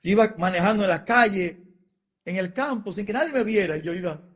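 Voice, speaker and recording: Earnest Dominican priest, slightly high voice. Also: male voice, fairly quick, a bit bright. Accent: Dominican Spanish. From Dominican Republic. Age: middle-aged. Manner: earnest, emotional storytelling with repetitions. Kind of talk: interview testimony.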